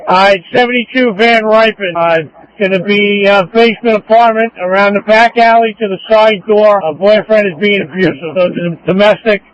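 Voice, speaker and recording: A man's voice: high-pitched, fairly even intonation, normal speed, hardly any pauses, dull audio. A man working as a police dispatcher, giving procedural instructions to units over two-way radio, like marine radio traffic.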